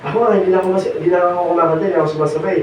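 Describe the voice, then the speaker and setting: A hoarse young man preaching a sermon, mixing in English and pausing on fillers. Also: sits high, fairly even intonation, background noise. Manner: mixes Tagalog and English, pauses with fillers. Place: church hall. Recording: echoey hall, distant dull mic.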